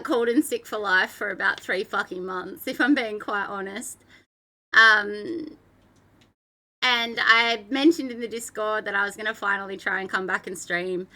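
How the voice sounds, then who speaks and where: A woman's voice: fairly high pitch, sharp tone. A young Australian woman chatting on a live stream, rambling and swearing, laughing often and close to tears. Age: young adult. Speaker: livestreamer. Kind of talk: casual live stream chat. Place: downstairs room at home.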